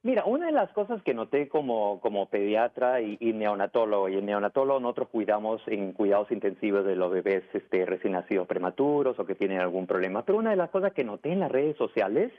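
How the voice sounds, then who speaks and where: A man's voice: on the low side, expressive, fast, hardly any pauses. A man from Peru, a pediatrician guest, answering interview questions with restarts and some English mixed in. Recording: tinny phone line.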